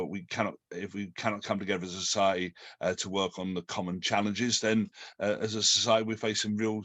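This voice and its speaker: A man with a Cockney accent interviews a guest, his low voice moving slowly through long, searching questions with many fillers. The sound is dry and close. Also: a bit bright, no echo. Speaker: host. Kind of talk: podcast interview.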